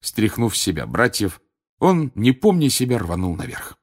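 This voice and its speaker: A man narrating an audiobook, expressive, with dramatic pauses. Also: lowish voice. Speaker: audiobook reader.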